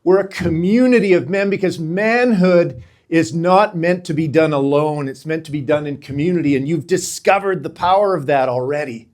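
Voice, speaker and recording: A man's voice: on the high side, moderate pace, hardly any pauses. Earnest middle-aged man giving a rousing talk. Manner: earnest, preacher-like, emphatic cadence. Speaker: speaker at a men's gathering. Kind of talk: inspirational talk.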